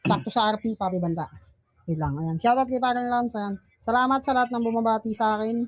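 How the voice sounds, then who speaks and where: A woman's voice: on the high side, a little fast, no echo, studio quality. A woman hosting an online insult battle, chatting and announcing rhythmic introductions. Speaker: battle host.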